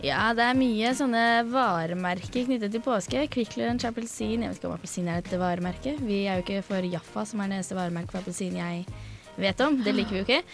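A woman's voice: mid-range voice, faint music behind. A young woman hosting a radio show from a studio in a casual, chatty way. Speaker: radio host.

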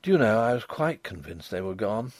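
A man voicing a shaken, proud gentleman in a dramatic story, with an urgent and proper manner. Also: on the low side, big pitch swings, a little fast, no room sound, pitched below the performer's own voice. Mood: sheepish. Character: agitated, frightened gentleman, proud but shaken. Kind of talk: dramatic audiobook dialogue.

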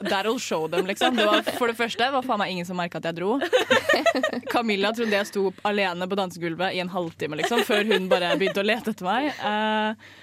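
A young woman in her twenties co-hosting a radio show, telling animated, self-deprecating stories in casual chat. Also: mid-range voice, noisy background. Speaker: radio co-host. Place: radio studio.

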